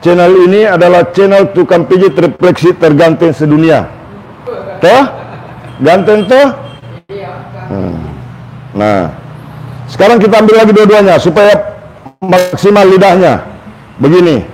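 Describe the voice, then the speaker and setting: A man working as a massage therapist, calmly instructing and demonstrating on a patient step by step. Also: sits high, a little slow, long pauses, low-quality recording. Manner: coaching and instructing step by step, calls out words to repeat.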